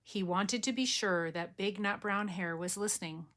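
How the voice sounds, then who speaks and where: An older woman, a grandmother, reading a bedtime storybook aloud in a gentle, soothing way. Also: mid-range voice, normal speed.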